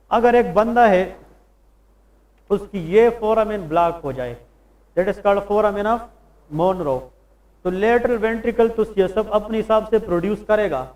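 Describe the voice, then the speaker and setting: High-voiced man lecturing, quizzing his class. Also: a little mellow, rough recording. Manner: quizzes students with questions and answers them himself; slows down to stress English terms. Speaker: medical lecturer. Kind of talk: Hindi-English classroom lecture.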